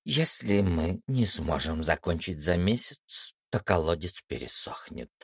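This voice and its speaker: A small, jittery leprechaun, as a male reader voices him, hedging and mumbling his confessions. His pitch swings widely between up and down, recorded dry and close. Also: very animated, measured pace, vocal fry, slightly rough, no room sound, full character voice. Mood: sad. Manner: hesitant, evasive, mumbling. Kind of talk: audiobook character voice.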